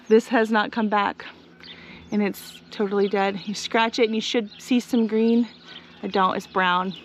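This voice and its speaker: A young woman with a slightly high voice gives a relaxed, upbeat tour of her garden and greenhouse. She chats and explains as she moves around outdoors, and the sound comes from a handheld camera mic. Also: a little hiss or hum. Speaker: homestead vlogger giving a garden tour. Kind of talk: casual walking tour narration.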